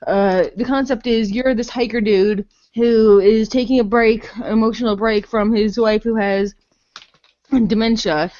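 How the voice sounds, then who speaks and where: A podcast host reviewing games talks in an unscripted, casual way, rambling bluntly with lots of "like" and some swearing. Her voice is a little high and darkish in tone, fairly even in intonation and a little slow, on dull-sounding audio.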